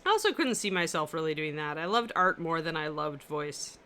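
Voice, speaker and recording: A woman livestreams miniature painting from her apartment, chatting casually and answering viewer comments as she works. Her voice sits low and is powerful and carrying, animated, fairly quick, pushed and bright. A little hiss or hum is audible.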